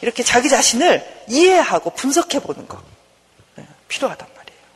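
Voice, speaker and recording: Husky lively woman lecturing in a hall. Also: high-pitched, fairly quick. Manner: lively, acts out inner dialogue in quotes. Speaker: professor.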